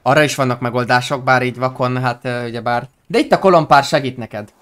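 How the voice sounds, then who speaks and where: A man from Hungary talking through a role-play game stream in loose, casual banter. He jokes, teases and drops playful rhymes. His voice sits at an average pitch. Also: a bit bright, clear, resonant tone. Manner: joking, teasing, playful rhymes.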